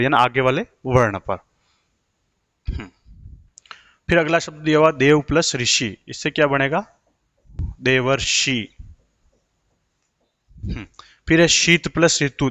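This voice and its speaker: A man's voice: on the high side, a bit bright, no echo. A man teaching an exam-prep grammar lesson, asking questions and answering them himself.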